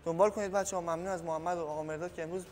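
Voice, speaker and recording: In a gym beside a punching bag, an Iranian man with a cold and a slightly high voice coaches boxing in a casual, energetic tutorial, calling his viewers kids and trailing off quietly. The sound comes from the camera with no microphone and has long, echoey gym reverb.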